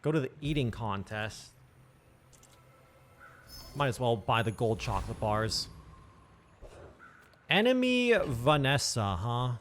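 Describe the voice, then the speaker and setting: Man muttering through a game, lively pitch. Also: slow, pauses often, slight background noise. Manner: thinking aloud, muttering asides. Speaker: streamer. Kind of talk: casual gameplay commentary. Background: faint game music.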